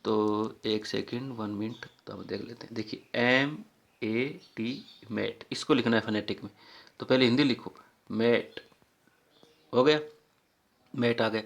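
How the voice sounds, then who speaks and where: A man's voice: medium pitch, unhurried, vocal fry, long pauses. A man teaching a casual phonetics lesson, patiently explaining and repeating vowel sounds aloud.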